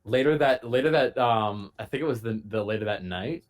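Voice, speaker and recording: Guy on a podcast telling a rambly, sweary camp story, animated. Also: medium pitch, fairly quick. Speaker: podcast host. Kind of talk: casual storytelling chat.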